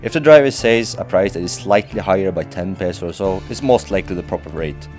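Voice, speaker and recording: A man narrates his travel vlog in a frank, advice-giving way, his voice a little stuffy from a slight cold. He speaks lower than most men. Faint music plays under the narration. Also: expressive, quick pace, darkish tone. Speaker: travel vlogger.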